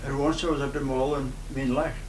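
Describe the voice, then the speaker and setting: A man in his nineties with a broad Scottish accent, reminiscing informally in a halting, rambling way in dialect. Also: mid-range voice, level tone. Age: 90s. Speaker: interviewee, retired farm worker. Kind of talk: informal oral-history reminiscence. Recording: roomy, noisy, distant microphone.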